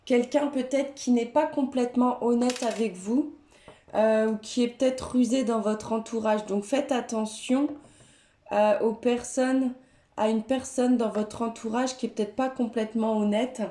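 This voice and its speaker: A woman speaking French gives a gentle, hesitant card-reading guidance, with many fillers. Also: on the high side, steady tone, unhurried, roomy sound. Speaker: tarot and oracle card reader.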